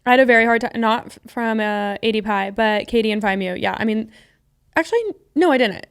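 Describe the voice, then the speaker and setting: A woman's voice: a little high, fairly quick, clear, resonant tone. A young woman co-hosting a podcast, telling rambling stories in casual chat and swearing freely. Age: young adult. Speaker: podcast co-host.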